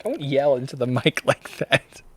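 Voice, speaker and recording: A man's voice: mid-range voice, animated, unhurried, fairly bright tone, slightly rough, no echo. Teasing man co-hosting a podcast. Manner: dry, teasing banter. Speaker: podcast co-host. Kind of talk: casual podcast chat.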